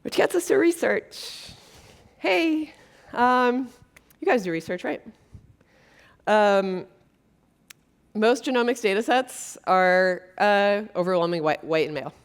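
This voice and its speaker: Speaking slowly in a medium pitch and pausing often, a woman from Brazil delivers a conference keynote on stage before an audience. She talks earnestly and conversationally, with frequent fillers.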